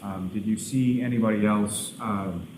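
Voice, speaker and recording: A man questioning a witness as a prosecuting lawyer, with a formal, wordy and halting manner. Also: fairly low pitch, fairly even intonation, a little mellow. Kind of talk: courtroom questioning. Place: large indoor courtroom. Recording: echoey, noisy courtroom feed.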